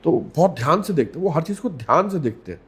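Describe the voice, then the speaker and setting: A man speaking as a communication coach in a podcast interview, measured and emphatic, repeating key words and slipping English phrases into Hindi. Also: on the high side, very animated, a bit bright, husky.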